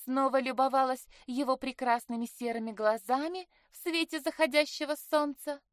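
A woman's voice: high-pitched, expressive, normal speed, dry recording, clean studio sound, pitched above the performer's own voice. Woman voicing a cheeky young mermaid sister. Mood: mocking. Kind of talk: audiobook character voice.

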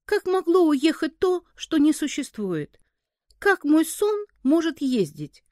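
A woman's voice: fairly high pitch, very animated, takes it slowly, dark tone, no echo, clean studio sound. A woman voicing a stubborn young boy in a story reading, firm and insistent.

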